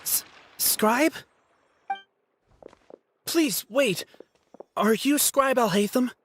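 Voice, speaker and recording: A woman's voice: fairly high pitch, drawn-out words, noisy background. A woman voicing a proud, touchy young male student who stammers when flustered. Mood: nervous.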